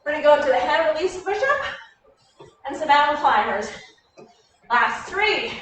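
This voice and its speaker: A woman coaching a workout, giving energetic, encouraging and directive short cues and countdowns. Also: high voice, moderate pace. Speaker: fitness coach leading a warm-up. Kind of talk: group workout instruction, clipped cues and countdowns. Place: echoey indoor room, heard from a distance. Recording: very echoey room, distant mic, faint noise.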